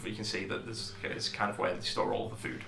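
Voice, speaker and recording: Guy running a tabletop game, bit gravelly, ums a lot, echoey room. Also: lowish voice, a little fast, slight background noise. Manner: relaxed, hesitant narration with many fillers. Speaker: dungeon master.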